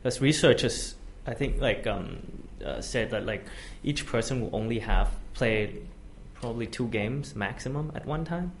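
A man's voice: mid-range voice, lively intonation, a little hiss or hum. A man from Thailand, a company head, talking casually in an interview, full of fillers and restarts. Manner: halting, many fillers and restarts. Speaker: guest, tech company CEO. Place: office space.

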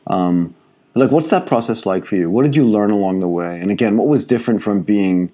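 A man's voice: lowish voice, brisk, dark tone. A man hosting a conversational interview, asking wordy questions that come in several parts. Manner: wordy, multi-part questions. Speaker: interviewer, host.

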